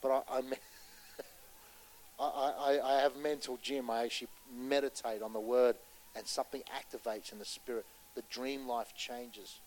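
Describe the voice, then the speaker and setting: A man preaching a sermon with passion, pressing his points loudly and then dropping to a hushed voice to tell a story, and putting questions to his listeners. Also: mid-range voice, steady tone, normal speed, slight background noise, low-quality recording. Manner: impassioned, swinging between loud urgency and hushed storytelling; asks the audience rhetorical questions.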